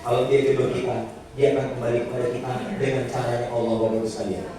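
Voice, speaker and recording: A man giving a motivational business seminar to a live audience, acting out little dialogues in a raised voice. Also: very fast. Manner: animated, acts out dialogues in a high voice. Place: large indoor hall with audience. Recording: echoey hall, mic heard from far off.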